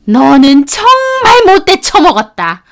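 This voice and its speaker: A woman's voice: high voice, huge pitch swings, slow pace, a bit bright, exaggerated voice. A woman voicing a nagging, domineering older mother-in-law who scolds her daughter-in-law. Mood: scolding. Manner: scolding, contemptuous. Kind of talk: storytelling radio acting.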